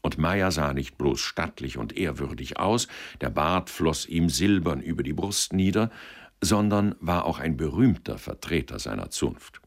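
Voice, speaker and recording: A man reading literary fiction aloud as an audiobook narrator, measured and expressive. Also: extremely low pitch, gravelly.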